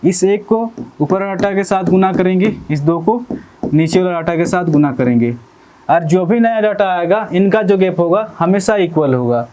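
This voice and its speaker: A man's voice: high-pitched, lively intonation, moderate pace, mellow, slight background noise. A man teaching an exam-prep maths lesson, explaining step by step, repeating key phrases and checking in with his students often.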